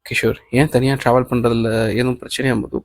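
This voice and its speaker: Kind, encouraging office boss, read by a man, calm and reassuring, gravelly voice, dry audiobook sound. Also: mid-range voice, a little fast, no room sound, close to an everyday voice. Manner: calm, reassuring talk mixing English phrases. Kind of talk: audiobook reading of a novel.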